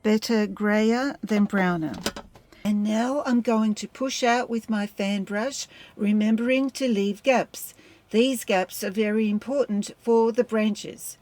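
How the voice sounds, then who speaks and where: A woman giving a step-by-step painting tutorial in a gentle, unhurried instructing manner. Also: mid-range voice.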